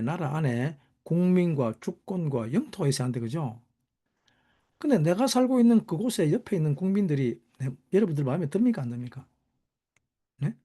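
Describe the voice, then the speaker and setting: A man preaching with a dark, mellow voice whose pitch swings widely, leaping up to stress a point. He keeps firing rhetorical questions at his listeners and checking in with them as a Bible teacher. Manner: rhetorical, constantly asking the audience "right?"; animated, sudden pitch jumps for emphasis. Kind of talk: sermon.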